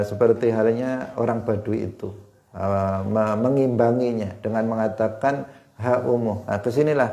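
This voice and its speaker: Male teacher, East Javanese accent, gravelly mid-pitched voice, patient hadith lesson full of questions to the class. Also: a little mellow. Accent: Indonesian, East Javanese. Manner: explains slowly with rhetorical questions and fillers. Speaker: religious teacher.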